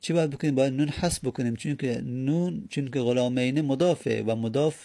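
A man's voice: medium pitch, gravelly, dark tone. A man teaching Arabic grammar, explaining patiently step by step and repeating his examples. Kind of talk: explaining lesson.

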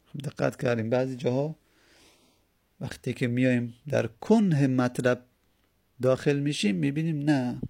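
Guy teaching grammar, gravelly voice, patient, keeps asking then answering himself. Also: medium pitch, long pauses, a little mellow. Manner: patient, explanatory, asks and answers his own questions. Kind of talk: classroom lesson explaining grammar.

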